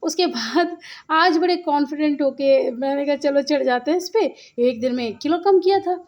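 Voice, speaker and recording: A woman's voice: high-pitched, normal speed, a little mellow, dull audio. A middle-aged woman from India chatting casually and animatedly to her viewers in a home vlog. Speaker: vlogger. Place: at home, indoors.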